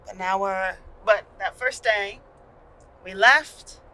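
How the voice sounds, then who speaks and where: A woman's voice: medium pitch, slow pace, sharp tone, rough recording. A young woman co-hosting a casual father-daughter podcast, telling a road trip story in a chatty, joking way. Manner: chatty, playful, jokey storytelling. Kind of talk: casual chat.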